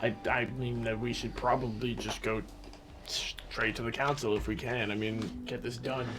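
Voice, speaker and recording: Deadpan male player over music. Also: mid-range voice, normal speed. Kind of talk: casual tabletop play.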